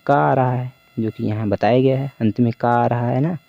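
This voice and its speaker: A man talks through a pronunciation lesson and keeps repeating each rule with little check-ins. His voice has a gravelly, creaky edge, and the recording is dull and lo-fi. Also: mid-range voice, steady tone, normal speed, dry recording. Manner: repetitive, checks in with "ठीक है" and "देखिए". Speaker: English pronunciation teacher. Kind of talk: explanatory lesson over slides.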